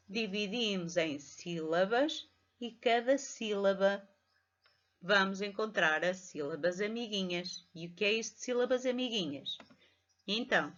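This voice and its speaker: Here a middle-aged woman's mid-range, slightly bright voice carries a European Portuguese accent. As a primary school teacher, she patiently spells out syllables for young children learning to read, recorded in dull lo-fi quality at home.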